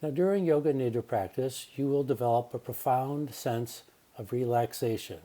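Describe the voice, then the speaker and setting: This is a yoga nidra teacher whose mid-range voice leads a relaxation meditation. He speaks gently and calmly, never rushing his pauses.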